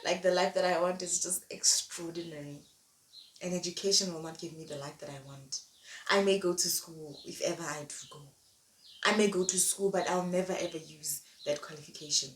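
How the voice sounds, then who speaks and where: A woman's voice: fairly low pitch, steady tone, fairly quick. A young woman giving a motivational monologue, talking emphatically and repeating her key phrases. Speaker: vlogger. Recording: echoey room, distant mic, faint noise.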